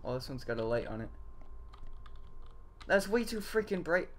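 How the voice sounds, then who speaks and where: A man's voice: on the high side, big pitch swings, moderate pace, a bit bright, a little hiss or hum. A young man giving scared, jumpy, exclaiming commentary as a horror game streamer. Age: teenager or young adult. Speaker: gaming streamer. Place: small home room.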